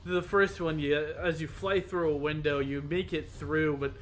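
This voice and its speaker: A man narrating a tabletop role-playing game as game master, relaxed and dotted with fillers. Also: on the high side, a little slow, slight background noise. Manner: relaxed narration with fillers, occasionally loud bursts.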